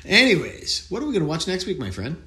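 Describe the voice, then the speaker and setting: A man's voice: fairly high pitch, huge pitch swings, fast talker, bright, forceful tone. A man co-hosting a movie podcast, casual and jokey, talking with enthusiasm. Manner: jokey, enthusiastic, hums and quotes lines. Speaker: podcast co-host. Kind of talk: casual chat about movies.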